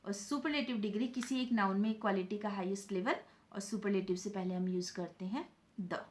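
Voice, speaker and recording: A woman's voice: mid-range voice, fairly quick. A woman teaching a grammar lesson, explaining step by step and answering her own questions.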